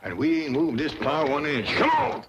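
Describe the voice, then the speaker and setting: A man's voice: a little high, moderate pace, heavy background noise, natural voice. An actor playing a plain-spoken, upright hillbilly father in a 1960s TV sitcom, with a folksy rural Southern accent. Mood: urging. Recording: dull old TV soundtrack.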